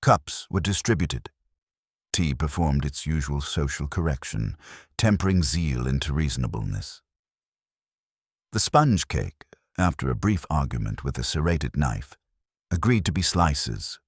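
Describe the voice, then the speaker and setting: A man with a very deep, breathy-edged voice narrates a cosy mystery as a scripted literary audiobook. His delivery is measured and wryly understated, yet his intonation rises and falls with big pitch swings. The recording is dry, with no room echo.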